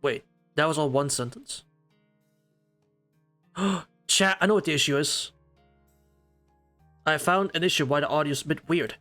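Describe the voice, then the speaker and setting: A man's voice: a little high, unhurried, pauses often, bright, forceful tone, faint music behind. A man casually reading a visual novel aloud on stream, chatty and swearing freely.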